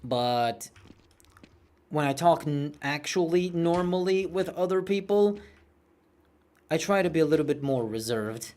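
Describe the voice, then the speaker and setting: A man's voice: on the high side, animated, measured pace, pauses often, a little mellow. A man in his twenties chatting casually while streaming a game, rambling and self-mocking, with a cartoonish voice. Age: 20s. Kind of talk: casual gameplay chat.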